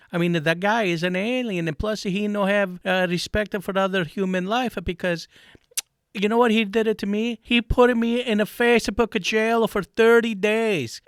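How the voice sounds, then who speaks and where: A man doing an excitable, broken-English ranter. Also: high voice, smooth, dry recording, studio quality, pitched above the performer's own voice. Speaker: host. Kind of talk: comedy sketch.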